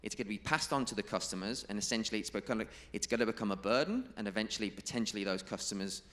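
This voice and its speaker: Male conference speaker, lowish voice, presenting to a room with emphatic, deliberate stress. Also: a bit bright. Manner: emphatic, repeats key figures and quotes slowly. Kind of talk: presentation to a live audience.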